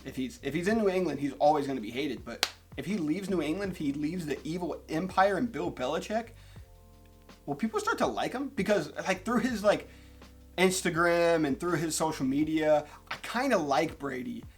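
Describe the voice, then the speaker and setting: Young male sports vlogger, brisk and jokey, slightly high-pitched voice, faint music underneath. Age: young adult. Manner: joking, animated, swears casually. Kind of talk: casual sports commentary vlog.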